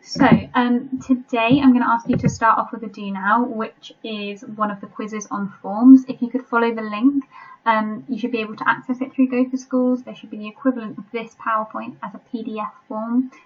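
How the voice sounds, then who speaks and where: English woman, french teacher, remote lesson voice-over, slightly high, husky, dull lo-fi recording. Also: fairly even intonation. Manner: slow, deliberate dictation with clear repetition.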